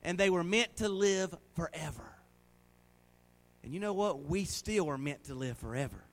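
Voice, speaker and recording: A man's voice: high-pitched, expressive, normal speed. A middle-aged man preaching a sermon in a folksy, conversational way, asking the congregation questions. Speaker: pastor.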